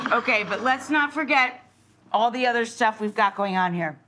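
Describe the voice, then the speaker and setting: Chatty woman hosting a slow cooking demo. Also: fairly high pitch, bright, forceful tone. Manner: chatty, enthusiastic, talks to the viewers. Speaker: cooking show host. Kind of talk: casual cooking demonstration. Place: studio kitchen.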